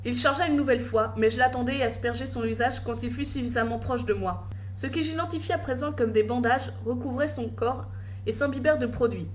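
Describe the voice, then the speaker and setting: A woman's voice: a little high, brisk, a little hiss or hum. A woman reading a scripted first-person horror story as its narrator.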